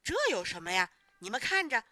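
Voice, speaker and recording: Lady voicing a bragging little boy, eager and shouty, bright sharp tone. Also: medium pitch, big pitch swings, brisk, no echo, soft background music. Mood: boastful. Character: boastful little village boy.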